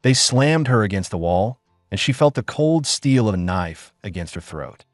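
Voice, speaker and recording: A man's voice: fairly low pitch, big pitch swings, normal speed, dry recording, studio quality, soft background music. A man narrating a dramatic story in a scripted, storytelling reading.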